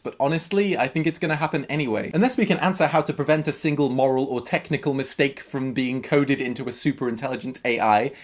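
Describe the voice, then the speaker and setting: A young man delivering scripted comedic commentary, sarcastic and full of quick jokey asides. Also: mid-range voice. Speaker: video essayist.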